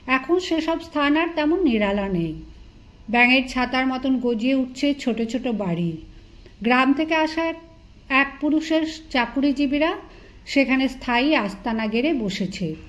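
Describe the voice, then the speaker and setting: A woman narrating an audiobook novel in a steady, literary storytelling manner. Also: sits high. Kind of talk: scripted narration.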